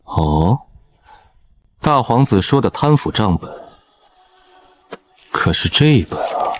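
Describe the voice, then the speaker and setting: A man plays a cool, composed young prince in an animated costume drama, with a low voice and an unhurried, quietly mocking drawl. A clear hiss sits under his lines.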